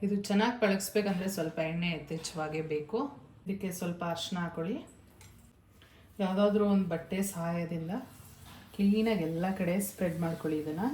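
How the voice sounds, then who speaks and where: In her home kitchen, a woman with a Kannada accent demonstrates cooking, giving plain, practical instructions step by step. Her voice is fairly low, brisk and mellow, and the recording is echoey with cooking noise.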